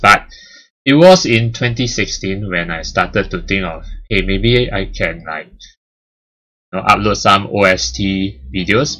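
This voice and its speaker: Over a low-quality recording, a man whose voice sits low with a sharp tone talks casually about his channel's history as its host, marking a milestone. He grew up speaking English and Chinese and rambles with many fillers and restarts.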